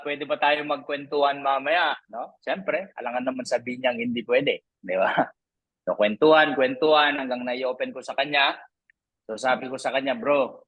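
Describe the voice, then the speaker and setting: A man's voice: medium pitch, fairly bright tone, husky, poor audio. Upbeat chatty man hosting online training. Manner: upbeat, chatty, tags sentences with "no?". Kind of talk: live online training talk. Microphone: online meeting microphone.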